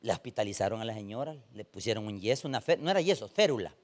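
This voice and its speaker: A man preaching a sermon, telling stories and acting out the people in them, swinging from soft asides to loud points. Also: lowish voice, fast. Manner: animated storytelling, acting out quoted voices, swings from soft to loud. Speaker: pastor.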